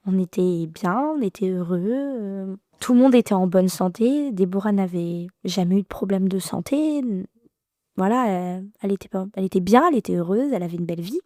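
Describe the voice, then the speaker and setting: A woman in her thirties, a podcast guest, recounting a personal story in a halting, emotional way with many restarts. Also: mid-range voice, lively intonation, dark tone, dry recording, studio quality.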